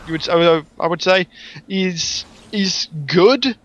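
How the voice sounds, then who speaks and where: A man giving measured, explanatory color commentary on a video game match. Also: sits high, fairly bright tone, a little hiss or hum. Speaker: guest co-caster.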